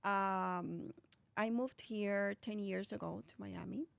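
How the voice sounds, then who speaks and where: A woman's voice: mid-range voice, slow, gravelly, dry recording. A woman born in Colombia and raised in Philadelphia, talking casually as a real estate agent guest, with restarts and fillers. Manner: chatty, restarts, many fillers. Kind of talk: casual interview answers.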